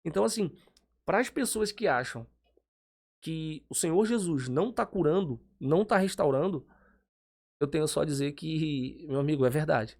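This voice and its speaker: A man's voice: fairly high pitch, expressive, normal speed, vocal fry, a little mellow. A man who is a church guest, telling a testimony in a fervent, emphatic way. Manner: fervent, emphatic preaching turns. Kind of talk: casual testimony chat.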